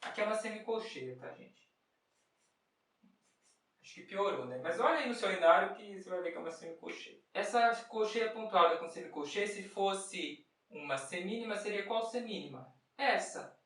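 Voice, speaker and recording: A patient music teacher walks through rhythms one bar at a time, posing questions and then answering them. The voice sits at an ordinary middle pitch and chants short rhythm syllables. It is picked up from a distance in a strongly echoing room. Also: expressive, normal speed, fairly bright tone. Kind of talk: step-by-step music lesson. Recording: very echoey room, mic far off.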